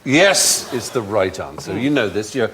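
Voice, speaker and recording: A man's voice: lowish voice, big pitch swings, moderate pace. A man hosting a comedy quiz panel in a studio, teasing and genial as he asks questions. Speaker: quiz show host. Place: studio with live audience. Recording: loud studio audience noise.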